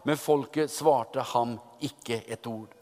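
A man preaching a sermon, retelling a Bible story in a lively, teasing way with many restarts. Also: medium pitch, in a large hall.

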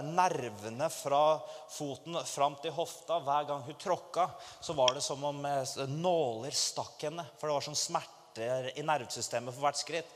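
A man preaching a testimony to a congregation, telling his story in an animated way and rising to fervent exclamations. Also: a little high. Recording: long hall reverb.

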